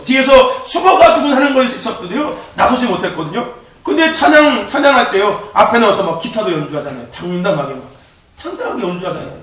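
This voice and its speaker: Youth pastor, male, animated sermon delivery, recorded far off in a very echoey church hall. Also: very high-pitched. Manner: animated, repetitive, laughing often. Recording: very echoey, distant mic.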